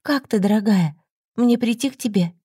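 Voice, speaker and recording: A woman voicing an anxious, caring young female friend in an audiobook, her voice raised high. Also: dark tone, slightly rough, no echo, studio quality. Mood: worried. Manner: anxious, fast-talking, high-pitched. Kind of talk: audiobook story reading.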